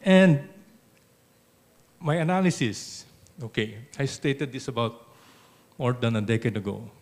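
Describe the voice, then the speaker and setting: An older man with a Filipino English accent giving an economics lecture in a measured way, often adding "okay" and a dry touch of sarcasm. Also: medium pitch, expressive, darkish tone. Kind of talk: academic lecture. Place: auditorium.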